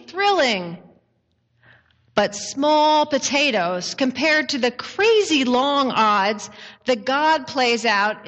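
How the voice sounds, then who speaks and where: A woman pastor giving a sermon in slow, measured phrases with dramatic pauses. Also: high-pitched, a bit bright. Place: church sanctuary. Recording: echoey sanctuary, dull lo-fi sound.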